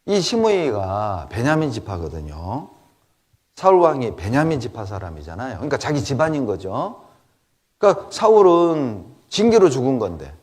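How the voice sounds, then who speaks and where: A middle-aged man preaches with lively, swooping intonation, firing off repeated rhetorical questions to press each point. His voice sits at an ordinary male pitch and moves a great deal. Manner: emphatic rhetorical questions and repetition. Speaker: pastor. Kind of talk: sermon.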